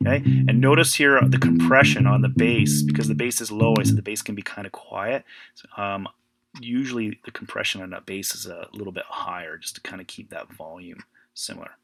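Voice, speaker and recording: Male teacher, gravelly voice, casual thinking-aloud tutorial delivery, soft guitar playback behind. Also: fairly low pitch, brisk, dry recording. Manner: thinking aloud, relaxed and informal. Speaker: music teacher. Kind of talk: casual screen-recorded audio editing tutorial.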